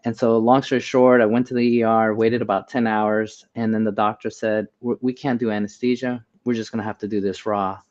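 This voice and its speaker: Speaking a little fast with few pauses, this American man has a lowish, flat, darkish voice. He's a doctor and healthcare AI expert being interviewed, earnest and conversational as he shares advice and personal stories over dull, lo-fi audio.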